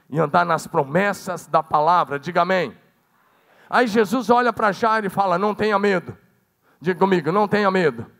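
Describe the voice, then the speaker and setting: A Brazilian Portuguese-speaking man preaching a sermon as pastor, swinging dramatically between loud calls and hushed, low passages. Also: vocal fry. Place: church sanctuary. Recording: long church hall reverb.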